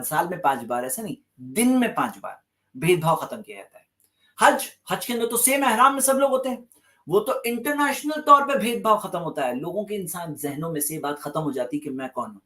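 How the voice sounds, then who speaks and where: A man's voice: fairly high pitch, a bit bright. A man giving a religious lecture, emphatic and repeating key phrases for stress, with English terms mixed into his speech. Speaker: Islamic lecturer.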